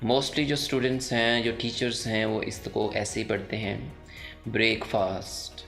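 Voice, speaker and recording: Pakistani man teaching pronunciation slowly. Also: fairly low pitch, fairly even intonation, vocal fry, fairly bright tone, faint music behind. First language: Urdu. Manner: explains slowly, repeats example words several times. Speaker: English teacher. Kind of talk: pronunciation lesson.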